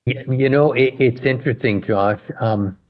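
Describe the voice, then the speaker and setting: A man's voice: mid-range voice, moderate pace, highs cut off. An older man, a retired doctor, answering interview questions in a patient, explanatory way and thinking aloud as he goes. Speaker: guest, retired pediatric pulmonologist.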